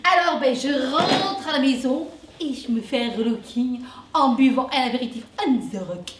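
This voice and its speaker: A woman's voice: high-pitched, moderate pace. A woman, performing a chatty, folksy comic monologue on stage. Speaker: sketch performer. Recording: echoey room from far off, faint noise.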